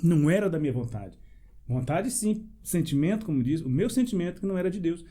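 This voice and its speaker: A man's voice: fairly high pitch, lively intonation, fairly quick, warm tone. A man, a pastor preaching in a panel debate, emphatic and full of rhetorical questions, breaking into short laughs as he tells a personal testimony. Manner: laughs between phrases.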